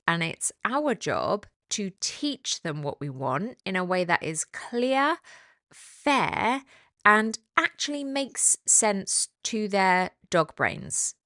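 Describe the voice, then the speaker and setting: A woman's voice: lowish voice, sing-song, slow pace, a bit bright, no room sound, clean studio sound. A British woman in her forties hosting a solo podcast on dog behaviour, talking in a chatty, playful and emphatic way.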